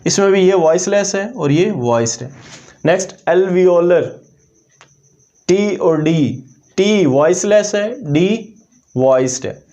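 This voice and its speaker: A man with a mellow, slightly high voice teaches a language lesson. He explains step by step and repeats example words slowly so each sound can be heard. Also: animated.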